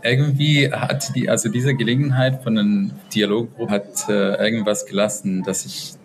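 Man with halting German, café noise. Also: fairly low pitch, level tone, rough recording. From Israel. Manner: searching for words, halting non-native German. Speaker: guest, social psychologist. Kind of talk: remote radio interview. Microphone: remote connection. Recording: café noise behind, remote line. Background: café chatter.

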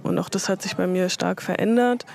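Measured, reflective woman interviewee. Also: fairly low pitch, gravelly, a little mellow, a little hiss or hum. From Germany. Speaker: interview guest. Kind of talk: articulate interview answers.

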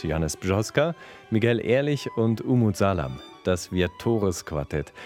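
A man's voice: deep voice, a little mellow. A man presenting and interviewing on a broadcast, reading polished introductions and asking friendly questions.

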